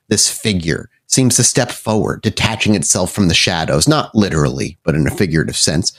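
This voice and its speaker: Soft music runs underneath as a deep-voiced man narrates a tabletop role-playing session. He plays the storyteller, choosing his descriptive words with dramatic deliberation.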